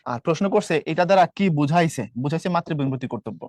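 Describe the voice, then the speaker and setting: A man tutoring students through exam questions, explaining briskly and asking rhetorical questions as he goes. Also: fairly high pitch, expressive, a little mellow, dry recording. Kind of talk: spoken lesson solving exam questions.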